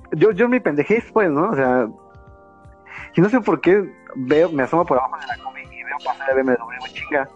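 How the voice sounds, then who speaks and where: A man with a Mexican accent, telling a story in casual chat, animated and slangy, with a lot of swearing. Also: mid-range voice, muffled recording. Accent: Mexican Spanish. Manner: animated, slangy and profane, acts out quoted voices.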